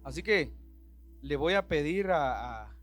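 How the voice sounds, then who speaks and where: Pastor, male, Central American Spanish accent, impassioned church preacher, bright forceful tone. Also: fairly high pitch, animated, slow, faint music behind. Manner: impassioned, acts out Bible dialogue in voices. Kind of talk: sermon.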